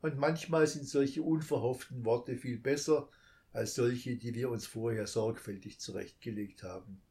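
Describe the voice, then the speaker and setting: A male storyteller reading a children's tale aloud, calm and measured. He speaks very slowly, in an even middle-pitched voice, pausing gently between phrases. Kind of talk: scripted story narration.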